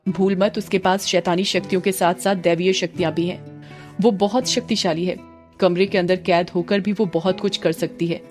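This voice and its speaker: A woman voicing a thoughtful, sleepy young man who reasons calmly with his friend. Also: on the low side, moderate pace, faint music behind, natural voice. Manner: reasoning, calm.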